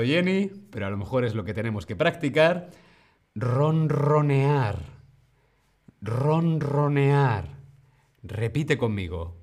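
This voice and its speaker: Male tutor, steady mid pitch, very unhurried delivery, coaxing learners to repeat after him. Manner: slow, patient, repeats words for learners to echo; reassuring, addresses viewers by name. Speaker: Spanish pronunciation teacher. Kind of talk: live-streamed pronunciation lesson.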